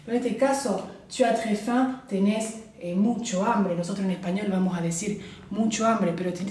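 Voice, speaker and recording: A woman teaching French grammar, slowing down to model each French word and often checking that her viewers follow. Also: medium pitch, mellow, slight background noise. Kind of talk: explaining grammar to the camera. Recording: echoey room.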